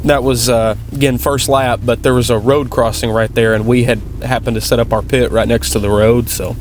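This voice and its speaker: A man with a mid-pitched voice narrates a motovlog in a casual, conversational way. He is plain-spoken and tends to ramble as he comments on race footage. Clear vehicle noise runs behind his voice. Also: little pitch movement, normal speed. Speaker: motovlogger and amateur dirt bike racer.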